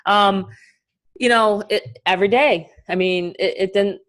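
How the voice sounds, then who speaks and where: A middle-aged woman with a New York accent, giving an energetic, chatty motivational webinar as an online marketing coach. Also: mid-range voice, unhurried. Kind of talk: casual webinar presentation.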